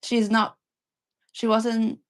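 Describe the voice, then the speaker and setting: A young woman co-hosting a livestream chats casually with her partner, her accent mixing Cantonese and British English. She talks very slowly in a fairly high, monotone voice, giggling, leaning on "like" and letting sentences trail off.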